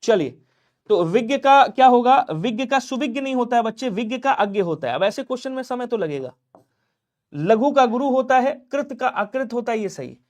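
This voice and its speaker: A man teaching an exam-prep Hindi grammar lesson, quickly drilling questions and answering them himself in his students' voices. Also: extremely high pitch, animated. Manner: drills quickly, urging speed.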